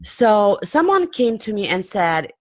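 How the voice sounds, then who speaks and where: A woman's voice: mid-range voice, measured pace, dry recording, studio quality. Rambling, playful woman podcast host. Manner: rambling and lively, with many fillers and restarts; playful, jokey. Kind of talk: unscripted solo podcast talk.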